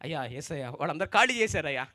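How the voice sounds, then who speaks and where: A man voicing a grieving, humble father who pleads in a low, hushed voice. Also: sing-song, fast talker, no room sound, studio quality. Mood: meek.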